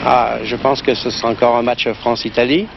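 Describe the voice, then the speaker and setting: A male coach answers interview questions methodically, laying things out point by point. The recording is muffled old outdoor news footage, with clear traffic noise behind him. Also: medium pitch, flat delivery, a little fast.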